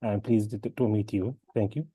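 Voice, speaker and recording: A man's voice: fairly low pitch, fairly even intonation, normal speed, dark tone, slightly rough, no room sound. A man from Egypt introducing himself politely on a video call. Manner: polite, formal greeting.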